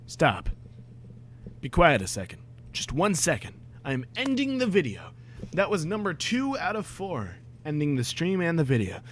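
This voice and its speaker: A man's voice: on the high side, huge pitch swings, moderate pace, a little hiss or hum. A young man streaming a comedic reading of fan fiction, breaking off into sarcastic, exasperated, profane asides.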